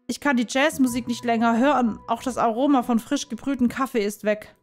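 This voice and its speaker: A woman reading a visual novel aloud in first person, soft, reflective and dramatic. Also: a little high, steady tone, brisk, soft background music. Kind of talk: expressive first-person game narration.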